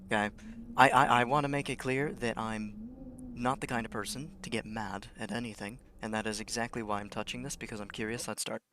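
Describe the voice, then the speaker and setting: A man's voice: medium pitch, fairly even intonation, a little fast, pushed and bright, slight background noise. A young man streaming a game, talking to himself in a rambling way, stammering and swearing now and then. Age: young adult. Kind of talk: casual live-stream commentary.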